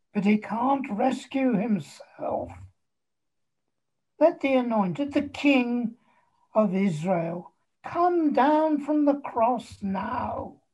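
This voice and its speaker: A woman playing a scornful onlooker who taunts slowly in a dramatized scripture reading. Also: on the high side, warm tone, slightly rough, exaggerated voice, rough recording. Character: mocking onlooker at an execution.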